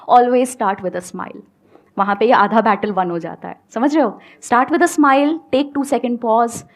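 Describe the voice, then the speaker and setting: A woman speaking as a guest on stage, giving advice to an audience and explaining with everyday examples, mixing in English phrases. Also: medium pitch. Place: stage before a live audience.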